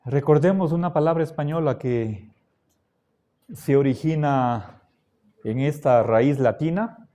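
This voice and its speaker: Male lecturer, slightly high voice, very slow and deliberate, keeps checking students follow. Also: warm tone. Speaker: teacher. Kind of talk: classroom lecture.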